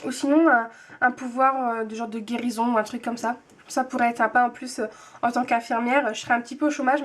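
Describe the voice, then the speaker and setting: A young French woman in her twenties with a high voice chats on a casual vlog, answering tag questions. She's a nurse who also runs a booktube channel, and her talk is hesitant, full of fillers and restarts.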